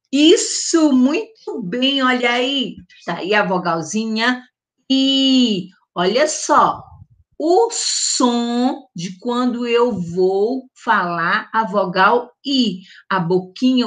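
Woman teacher for an early-literacy lesson, slow and patient, stretches vowels loudly, frequent little check-ins. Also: fairly high pitch. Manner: slow, drawn-out enunciation with diminutives and check-ins. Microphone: close mic, online class recording.

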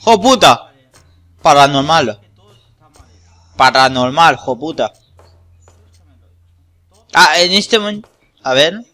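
Slow-paced Spanish man rambling over a game. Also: fairly high pitch, lively intonation, sharp tone. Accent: Spanish from Spain. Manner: rambling, repetitive, swearing. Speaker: gamer. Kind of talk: casual gameplay commentary.

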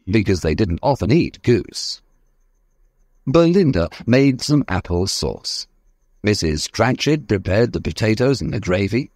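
Expressive male storybook narrator. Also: fairly low pitch, dry recording, studio quality. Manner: clear, expressive reading. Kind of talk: graded reader narration.

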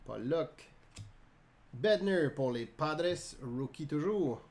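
Hosting a live card break, a man with a Quebec French accent calls out each card chattily, laughing and joking with viewers. His voice is a little high and a little mellow, with lively intonation and a slow pace.

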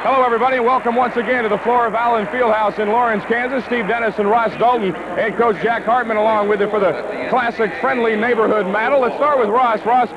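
A man's voice: extremely high pitch, steady tone, quick pace. A man hosting a live sports broadcast from courtside in an indoor arena, on a handheld microphone. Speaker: play-by-play sportscast host. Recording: dull old TV audio, noisy arena. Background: noisy crowd.

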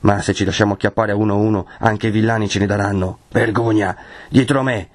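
A man voicing a rough henchman leader who barks scornful orders. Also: fairly low pitch, steady tone, quick pace, lightly acted. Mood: commanding.

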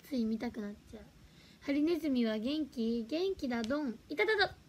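High-voiced giggly young woman. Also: a little fast, warm tone, slight background noise. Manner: giggly, chatty, reacting to viewer comments. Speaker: livestream host. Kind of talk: casual livestream chat.

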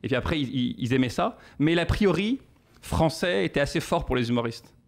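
A quick-talking man in his thirties with a French accent, his voice sitting a little high for a man. He answers interview questions as a guest comedian and tells his stories in an animated way, with quoted asides. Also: gravelly. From France. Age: 30s.

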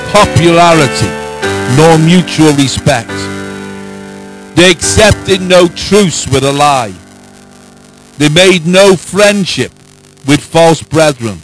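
Male preacher, middle-aged, slightly high voice, slow measured declamation, solemn. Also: poor audio. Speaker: preacher and prayer meeting leader. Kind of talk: sermon, reading out a prepared summary. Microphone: handheld microphone held close.

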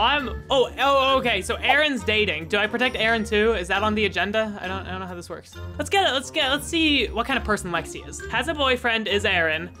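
A man's voice: high-pitched, pushed and bright. A young man, a gaming YouTuber, rambling through a joking gameplay commentary and restarting his words often. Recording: game music behind the voice.

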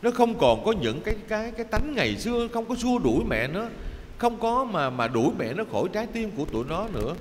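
Emotive Southern Vietnamese monk preaching. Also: male voice, high-pitched, sing-song, a little fast. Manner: emotive, addresses listeners as children. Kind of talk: Dharma talk storytelling. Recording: reverberant hall, faint background noise.

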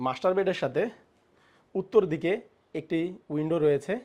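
Bangladeshi real estate agent touring a flat, slightly high voice. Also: male voice, fairly quick. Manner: speaks softly in the child's bedroom so a sleeping baby isn't woken; addresses viewers directly, pointing out features. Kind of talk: walkthrough property tour narration. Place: inside an apartment, moving room to room.

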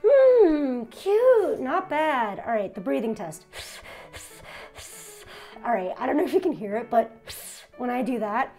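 A woman's voice: high voice, sing-song, measured pace, pauses often, warm tone, soft background music. A young woman casually reviewing products while speaking through a face mask, chatty and thinking aloud, close to the mic. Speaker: vlogger reviewing face masks.

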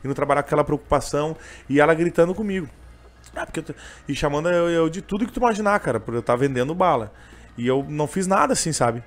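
A young man with a gaúcho accent talks quickly in a voice pitched a little high. He tells his story in a casual interview, rambling and emotional, with many fillers. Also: lively intonation. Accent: gaúcho Portuguese. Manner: emotional, rambling, full of fillers like "cara" and "bah". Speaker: interviewee, train vendor and singer.

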